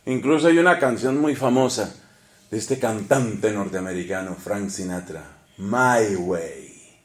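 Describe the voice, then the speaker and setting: A man preaching a sermon, animated, asking the congregation questions and swinging between loud and hushed delivery. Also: on the low side, moderate pace, echoey room. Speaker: priest preaching.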